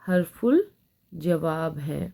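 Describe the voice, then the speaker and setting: A woman teaching an Arabic grammar lesson, patiently explaining and reading example sentences slowly before translating them. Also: deep voice, very animated, vocal fry, dark tone.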